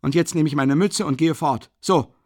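A man reading an audiobook, voicing a furious young student who shouts in blind rage. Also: a little high, moderate pace, no echo, studio quality, voice pushed up, close to an everyday voice. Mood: enraged. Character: furious young male student, desperate and defiant.

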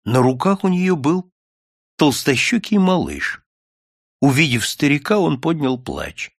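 A man narrating a classic story as an audiobook in an expressive, dramatic reading style. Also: on the high side, a little slow, creaky, no echo, studio quality. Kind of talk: scripted literary narration.

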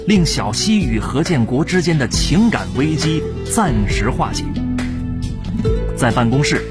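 A formal announcer recaps the story and introduces the next episode at a steady, measured pace, the voice moving in lively rises and falls. Plucked guitar music plays clearly underneath. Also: medium pitch. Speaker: program announcer. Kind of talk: broadcast program introduction.

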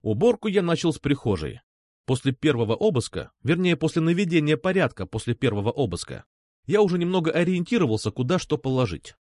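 A man's voice: fairly high pitch, very animated, fast talker, a little mellow, dry recording. Young man, audiobook narrator, wry, first-person, very dry close sound.

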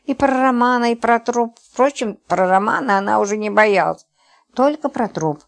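A woman reads a comic novel aloud as narrator. Her voice sits on the higher side, and her reading is lively and expressive. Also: normal speed, vocal fry. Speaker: audiobook narrator. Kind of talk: scripted narration.

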